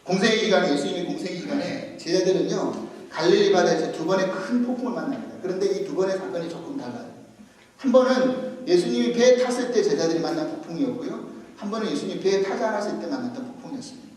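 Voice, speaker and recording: High-voiced man preaching in echoey hall. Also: darkish tone. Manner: asks the congregation rhetorical questions. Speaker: pastor. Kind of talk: sermon. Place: church sanctuary. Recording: echoey church hall, voice far from mic.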